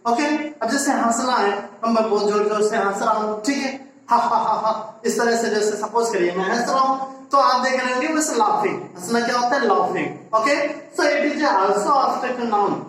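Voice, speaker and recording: Slow Indian male teacher, echoey room. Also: extremely high pitch, fairly bright tone, distant mic. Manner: mixes Hindi and English, repeats "ठीक है" often; slow, deliberate explaining with frequent rhetorical questions. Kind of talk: classroom grammar lesson.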